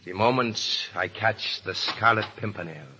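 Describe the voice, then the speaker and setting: An actor playing a cold, menacing French ambassador and spymaster in a 1930s radio drama, clipped and insinuating in manner. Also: male voice, on the low side, unhurried, bright, forceful tone, heavily acted. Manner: clipped, insinuating, coolly formal. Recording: dull, noisy 1930s radio recording.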